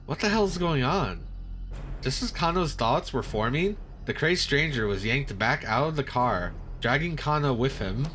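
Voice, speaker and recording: Casual let's-play host reading a story game aloud, bright and animated, laughs at the scenes. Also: male voice, mid-range voice. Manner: lively reading with chuckling asides.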